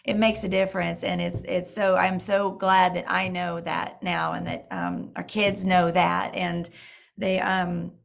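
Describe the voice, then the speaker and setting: A middle-aged woman with a hoarse voice, chatting casually and haltingly as she hosts a Q&A, often restarting her sentences. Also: fairly low pitch, lively intonation. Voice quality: hoarse, creaky. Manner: rambling, halting, self-correcting. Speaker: diet program mentor and host. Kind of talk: casual live Q&A chat.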